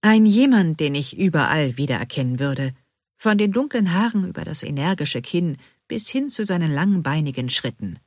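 A woman narrating a first-person novel with real animation, her fairly low voice sweeping widely in pitch. The recording is dry and close, with no room sound. She reads as an expressive audiobook narrator. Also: normal speed, dry recording.

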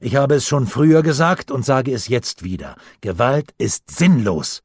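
A man's voice: medium pitch, sing-song, a little slow, a little mellow, husky, no echo, studio quality. A man voicing a stern lecturing uncle. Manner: firm, commanding, lecturing. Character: stern middle-aged uncle lecturing his nephew.

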